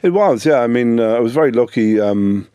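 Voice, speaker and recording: A man's voice: mid-range voice, expressive, fairly quick, warm tone, clean tone, no room sound. A middle-aged man with a west of Ireland accent, telling his own story conversationally as a business owner in a radio interview. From Sligo, west of Ireland.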